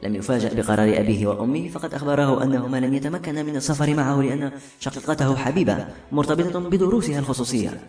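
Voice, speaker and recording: A man narrating a novel as an audiobook reader, in a smooth, measured storytelling manner. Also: mid-range voice, warm tone. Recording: echoey room, faint music. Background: faint music.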